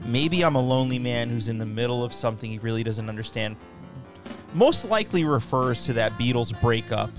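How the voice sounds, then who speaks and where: A man's voice: medium pitch, lively intonation, a little fast. A man co-hosting a podcast, chatting casually in an easygoing, banter-filled way. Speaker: podcast co-host. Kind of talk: casual chat. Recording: music playing under the voice. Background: recorded music.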